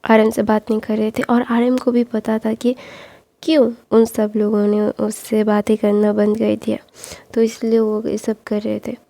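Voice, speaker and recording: A woman's voice: on the high side, completely flat delivery, normal speed, gravelly, warm tone. A woman retelling a story casually, rambling with many fillers and restarts.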